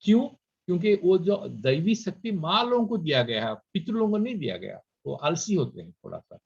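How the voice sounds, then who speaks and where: Man, gravelly husky voice, spiritual lecture to students, dull lo-fi online audio. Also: fairly high pitch, sing-song, a little fast, a little mellow. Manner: mixes Hindi with English phrases, recites Sanskrit verses. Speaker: workshop speaker.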